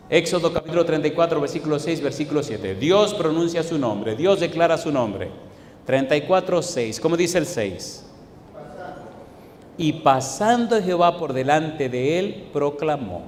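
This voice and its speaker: Echoing preacher man, emphatic and questioning. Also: a little hiss or hum. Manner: emphatic preaching full of rhetorical questions to the congregation; swings between loud declaiming and quiet low asides. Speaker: pastor. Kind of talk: sermon. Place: church sanctuary. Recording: echoey church hall with long reverb.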